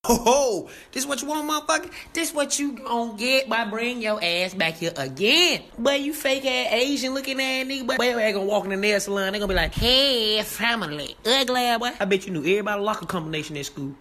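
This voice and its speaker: A man's voice: extremely high pitch, brisk, hardly any pauses, sharp tone. A man trading roast insults in a mocking, trash-talking way.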